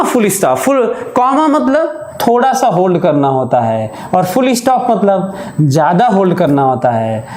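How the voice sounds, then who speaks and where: A male physics teacher giving a classroom lecture, speaking slowly and deliberately with held pauses. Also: sits high, darkish tone, a little hiss or hum. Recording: echoey room.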